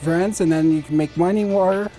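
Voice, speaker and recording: A man's voice: high-pitched, moderate pace. A man from the Brandon area who plays pool, giving short, plain answers with hesitations in a casual interview. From Brandon area, Manitoba. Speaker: pool player. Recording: music playing underneath.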